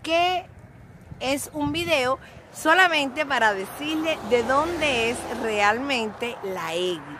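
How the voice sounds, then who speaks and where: Holding her phone at arm's length by a grassy lot, this Cuban-born woman in middle age vlogs casually in a theatrical, sing-song way, praising herself. Her high voice is animated but slow, set against a noisy background.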